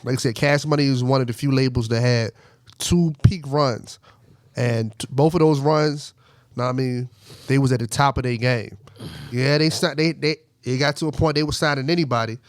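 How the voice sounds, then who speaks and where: Mid-pitched man, halting then emphatic. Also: no room sound, studio quality. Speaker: podcast co-host. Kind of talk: casual debate.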